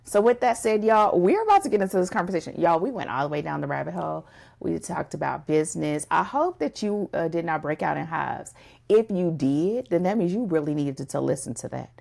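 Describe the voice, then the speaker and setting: Podcast co-host, woman, low voice with gravel, emphatic and direct with listeners. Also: expressive, a little fast, a little mellow. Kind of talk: casual conversational podcast.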